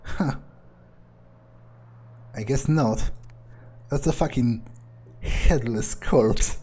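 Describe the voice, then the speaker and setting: Playing a video game in character, a man muses and thinks aloud hesitantly for his let's play commentary. His voice is husky and dark-toned at a medium pitch, and he draws out his words.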